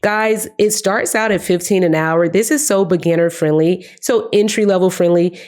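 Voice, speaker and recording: A young career advice vlogger chats casually to the camera in an upbeat way, calling her viewers "guys." Her slightly low, darkish voice is hoarse and giving out, but she keeps talking at a normal speed.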